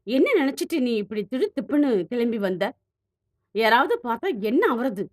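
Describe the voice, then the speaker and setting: A woman's voice: fairly high pitch, sing-song, normal speed. A woman playing a fretful, pleading aunt. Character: anxious middle-aged aunt, fretful and protective.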